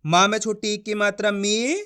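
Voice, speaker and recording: A man teaching beginners to read Hindi in an online lesson, patiently repeating each point, sounding out syllables slowly and checking that viewers understand. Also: high voice, little pitch movement, sharp tone, clear, resonant tone. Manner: addresses viewers as friends.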